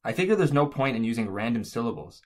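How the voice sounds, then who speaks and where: A man's voice: medium pitch, big pitch swings, fast talker, a little mellow. A man narrating an instructional language lesson as a teacher, explaining things step by step.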